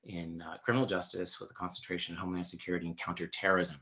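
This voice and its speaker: Guest, man in his fifties, very deep voice, halting explainer. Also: flat delivery, pushed and bright. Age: 50s. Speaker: interview guest. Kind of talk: conversational interview answers.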